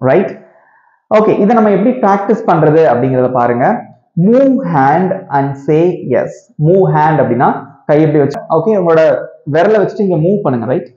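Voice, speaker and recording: A man's voice: fairly high pitch, warm tone. A man teaching English pronunciation, drilling sounds over and over and checking in with "okay?" and "right?" after each step. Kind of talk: classroom-style pronunciation lesson. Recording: echoey room, dull lo-fi sound.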